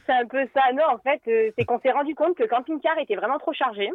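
A woman from Grenoble, France, calling in on speakerphone and chatting casually as a travelling guest, lively and restarting her sentences. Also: high-pitched, fast talker, no room sound. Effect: speakerphone phone line. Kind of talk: casual phone chat. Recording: tinny dry phone line.

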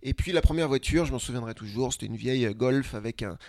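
Male guest, chatty storyteller, middle-pitched voice, dry close recording. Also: dry recording. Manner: lively, lists places in quick runs. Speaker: guest, traveler and speaker. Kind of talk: conversational storytelling.

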